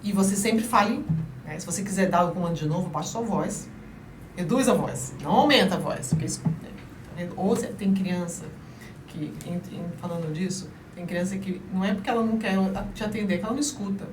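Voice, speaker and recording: A woman guest explaining child-rearing methods in an emphatic, lively way during an interview. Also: on the low side, fast talker. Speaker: guest, parenting advisor. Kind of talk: interview conversation. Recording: roomy, distant mic, faint noise.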